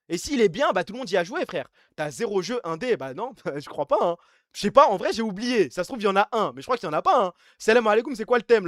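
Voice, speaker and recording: Fast, high-voiced slangy French streamer. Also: male voice, fairly bright tone, no echo, studio quality. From France. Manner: slangy, blunt, ranting about games. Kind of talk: casual live-stream chat.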